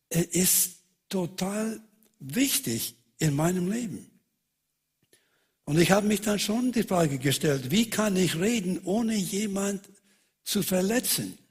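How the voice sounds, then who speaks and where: Male preacher, slow deliberate delivery, slightly high and very breathy voice, halting with fillers. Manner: hesitant, many fillers and restarts; raises pitch and volume on emphasized quotes. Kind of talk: sermon.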